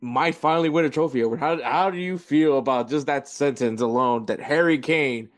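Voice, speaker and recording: A man's voice: mid-range voice, brisk. A man hosting a casual football podcast, rambling and correcting himself as he reads through league standings. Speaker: podcast host.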